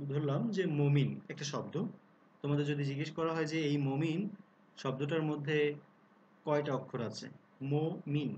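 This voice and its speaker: A man giving a recorded lesson on pronunciation, explaining rules, asking rhetorical questions and sounding out example words slowly. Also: a little high, a little mellow, highs cut off, a little hiss or hum. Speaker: Bengali language teacher.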